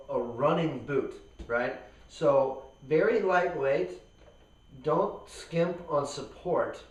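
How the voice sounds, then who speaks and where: A man co-hosting a casual outdoor gear review, explaining in a relaxed way with plenty of fillers. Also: fairly high pitch. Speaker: co-host. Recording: roomy echo, far from mic.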